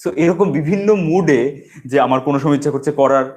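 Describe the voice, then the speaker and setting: Male online English tutor, Bengali accent, slightly raised pitch, deliberate repeating explanations. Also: a little mellow. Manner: mixes English into explanations, self-correcting, repeats examples slowly. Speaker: English teacher. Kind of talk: online grammar lesson.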